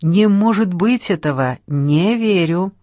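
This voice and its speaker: A woman's voice: lowish voice, expressive, slow, warm tone, no room sound, clean studio sound. A woman reading an audiobook, voicing a tipsy man who rambles in a mock-lecturing, sing-song way. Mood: ranting.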